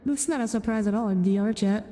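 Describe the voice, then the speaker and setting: A woman's voice: mid-range voice, fast, mellow, in a large hall. A woman streamer giving casual, rambling commentary while playing a game, chatty and full of asides. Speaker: vtuber streamer.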